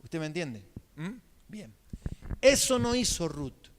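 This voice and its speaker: High-voiced Córdoba pastor preaching. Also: male voice, very animated, slow, slight background noise. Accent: Argentine, Córdoba. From Argentina. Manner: conversational preaching with frequent check-in questions. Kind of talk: sermon. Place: church sanctuary. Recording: long church hall reverb.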